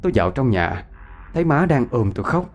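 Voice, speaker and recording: A man narrating a ghost story in an expressive, dramatic storytelling voice. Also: mid-range voice, brisk, slight background noise.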